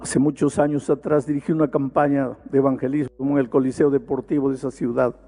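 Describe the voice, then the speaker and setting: Pastor guy preaching hard in a big arena, dark warm voice, keeps repeating himself. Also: mid-range voice, little pitch movement, a little fast, soft background music. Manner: impassioned preaching with emphatic repetition. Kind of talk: evangelistic sermon. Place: large arena.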